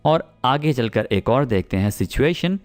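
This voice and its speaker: With faint music in the background, a Pakistani man teaches spoken English, explaining patiently and going slowly over each example sentence. He sounds animated yet a little mellow, his pitch swinging up and down as he asks "theek hai?" to see whether his students are keeping up.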